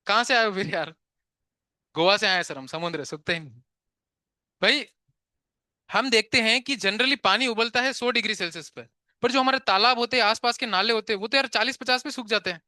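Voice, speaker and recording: A man teaching physics to a live class, chatty and quick to tell students to stop talking and pay attention, mixing English terms into his Hindi and asking questions he answers himself. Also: high-pitched, sharp tone, no room sound, studio quality.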